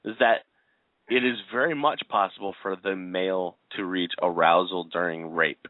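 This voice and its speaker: A man's voice: low-pitched, fairly even intonation, normal speed, no room sound. A man co-hosting a casual political talk radio show, talking hesitantly and hedging his claims. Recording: dry, tinny phone-like audio.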